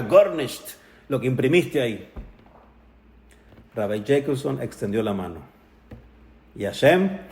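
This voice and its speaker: A man giving a Torah talk as a lively story. He acts out the people in it, slips into English phrases and Hebrew terms, and closes with toasts. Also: mid-range voice. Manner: ends with toasts. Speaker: Torah speaker. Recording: roomy echo.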